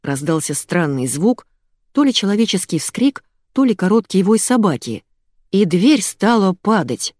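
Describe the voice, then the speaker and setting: A woman reading a detective story aloud in first person, with expressive storytelling. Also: mid-range voice, a little slow, no room sound, studio quality. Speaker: audiobook narrator. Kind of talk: scripted first-person narration.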